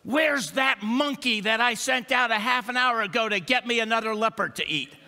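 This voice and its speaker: A pastor voicing a small, clever dog who bluffs a leopard in a sermon joke. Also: male voice, very high voice, moderate pace, pushed and bright, in a large hall, voice pushed up, full character voice. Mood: boastful. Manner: boastful bluff.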